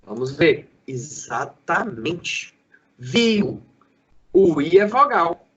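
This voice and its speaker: A male school teacher giving a Portuguese lesson, sounding out syllables slowly and quizzing a student. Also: a little high, very animated, fairly bright tone, breathy edge, highs cut off. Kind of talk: lively classroom lesson for sixth graders.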